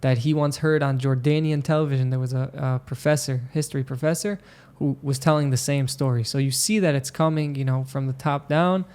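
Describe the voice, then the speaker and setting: A man's voice: mid-range voice, fairly even intonation, a little fast, hardly any pauses, darkish tone, clean tone. Hesitant Israeli man telling stories. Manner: hesitant, full of "um" and "you know" fillers. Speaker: podcast guest. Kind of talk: casual podcast storytelling.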